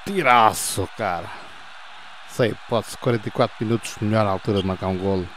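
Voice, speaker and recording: A man in his fifties with a European Portuguese accent, doing playful football commentary over his own gameplay, yelling goal calls and cheering players on between calm score recaps. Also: lowish voice, fairly quick, a little hiss or hum. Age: 50s. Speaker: gaming channel host.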